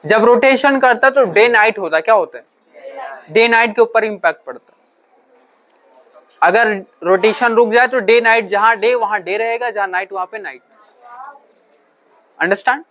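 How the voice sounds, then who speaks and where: A man's voice: high-pitched, moderate pace, pauses often, fairly bright tone. A male teacher lecturing a classroom, asking questions, answering them himself, mixing in English terms and often checking whether the students understand. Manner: mixes English terms into his talk.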